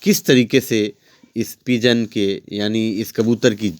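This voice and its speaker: A man teaching a story lesson, explaining each line step by step with drawn-out fillers. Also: on the low side, steady tone, a little mellow.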